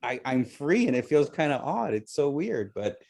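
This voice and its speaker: A man's voice: medium pitch, very animated, moderate pace, creaky, darkish tone. A man from El Salvador co-hosting a radio show, earnest and reflective, often laughing as he talks. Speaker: co-host, immigration lawyer. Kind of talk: casual radio chat.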